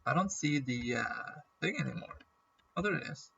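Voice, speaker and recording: A man chatting casually through a game as a YouTuber, rambling and clearing his throat often with a nagging cough. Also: mid-range voice, expressive, moderate pace, bright, forceful tone, distant mic, muffled recording. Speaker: gaming YouTuber.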